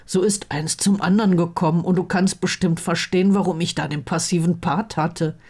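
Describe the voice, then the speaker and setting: A woman reading aloud plays a sarcastic teenage wizard boy, worried and a bit glum. Her voice stays close to her own and sounds mellow and warm in a storybook reading. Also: on the low side, steady tone, normal speed, husky. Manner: sarcastic, dejected. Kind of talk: audiobook reading of fan fiction.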